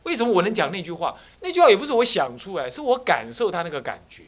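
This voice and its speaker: A man's voice: high voice, very animated, fast. A man with a Taiwanese Mandarin accent, a Buddhist abbot giving a sermon lecture to a class, telling stories and asking rhetorical questions. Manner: storytelling, asks many rhetorical questions. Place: teaching room with students.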